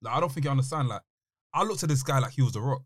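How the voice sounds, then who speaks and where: A man with a London roadman accent telling stories in casual, slang-heavy, animated chat. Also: mid-range voice, rapid-fire, dry recording, clean studio sound.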